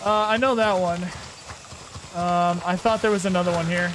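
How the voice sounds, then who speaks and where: A man's voice: high voice, fairly even intonation, noisy background. A man streaming a tactical shooter, chatting casually and giving callouts with lots of fillers. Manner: rambling, halting with fillers. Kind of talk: casual gameplay chat and callouts. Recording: loud gunfire and game sounds behind.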